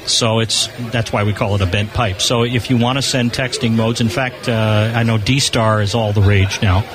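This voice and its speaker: At an exhibition booth in a convention hall, amid busy crowd chatter, an American man is interviewed as a spokesman for an amateur satellite organization. His voice is on the low side, steady in tone and at normal speed, and he explains things informally and with enthusiasm.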